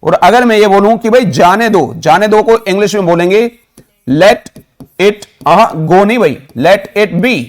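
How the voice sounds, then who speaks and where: Teacher guy, high voice, keeps asking the class and answering himself. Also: unhurried. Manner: drills phrases, asks the class questions and answers himself. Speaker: spoken English teacher. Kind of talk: classroom lesson.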